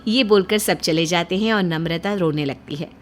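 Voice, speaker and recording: A woman giving scripted narration of a family cartoon story in a plain, even telling voice. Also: fairly low pitch, normal speed, soft background music.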